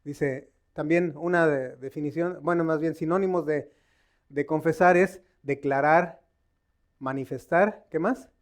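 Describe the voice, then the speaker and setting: A man's voice: a little high, unhurried. A man giving an informal sermon at a Bible study, quizzing his listeners and often stopping to search for words. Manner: conversational, quizzing the audience with questions; stops to search for words, with many fillers and restarts. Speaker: lay preacher at a Bible study.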